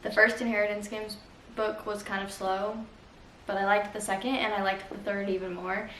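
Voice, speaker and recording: A woman's voice: mid-range voice, level tone, normal speed, a bit bright, slight background noise. A young woman vlogging casually at home, gushing and bubbly about what she reads. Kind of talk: casual chat. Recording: roomy home audio with faint ambience.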